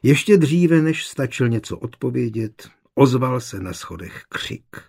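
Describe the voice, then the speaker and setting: Husky male audiobook narrator. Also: mid-range voice, lively intonation, darkish tone. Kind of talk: scripted narration.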